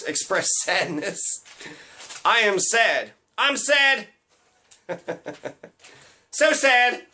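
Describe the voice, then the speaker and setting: A man's voice: on the high side, pushed and bright. A man delivering a rambling, profane ranting monologue, sarcastic and laughing at his own jokes.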